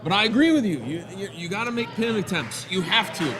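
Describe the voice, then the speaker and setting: A man working as a wrestling commentator, calling the moves live in an excitable, exclamatory way. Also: high-pitched, a little fast, background noise.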